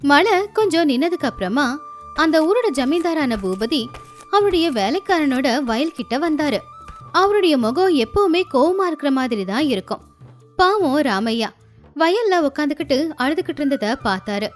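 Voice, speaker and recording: A woman narrating a moral folk story in an expressive storytelling manner. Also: sits high, normal speed, soft background music.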